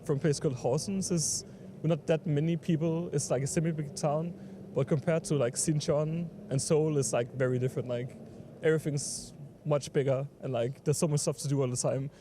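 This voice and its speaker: A man's voice: a little high, steady tone, brisk, noisy background. A man from Denmark answering a street interview in an easygoing way, with many "like"s. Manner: easygoing, fills with "like".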